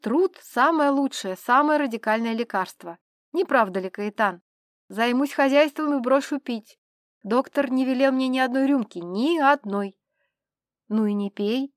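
A woman voicing a tipsy, chattering male count who rambles excitedly and pleads with his friends. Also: high voice, measured pace, no echo, clean studio sound. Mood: merry tipsy.

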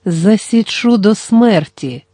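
A reader voicing a young male nobleman who slowly makes blustering, tearful threats. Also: mid-range voice, animated, dark tone, breathy edge, no echo, heavily acted.

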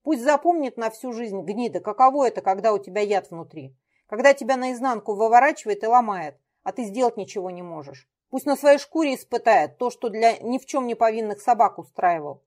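A woman voicing a furious shouting man. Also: medium pitch, fairly quick, natural voice. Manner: shouting, harsh, commanding.

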